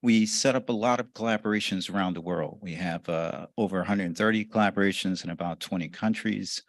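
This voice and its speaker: A man giving a conference presentation in a relaxed way, with uhs and restarts. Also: deep voice, a little fast, dry recording. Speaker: conference speaker.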